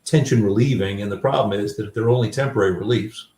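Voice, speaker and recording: Older man, low voice, roomy sound. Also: fast, darkish tone, distant mic. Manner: candid, self-deprecating, with many restarts and fillers. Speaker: author and guest. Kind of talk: reflective personal storytelling.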